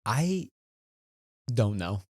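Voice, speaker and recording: A man's voice: on the low side, big pitch swings, extremely slow, darkish tone, no room sound, studio quality. A young man in his twenties, a podcast co-host telling a rambling, profane story in casual chat.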